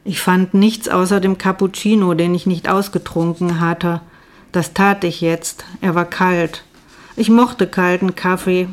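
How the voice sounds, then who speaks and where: A woman reading a first-person novel aloud in a measured, dry narrating voice. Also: lowish voice, steady tone. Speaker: audiobook reader.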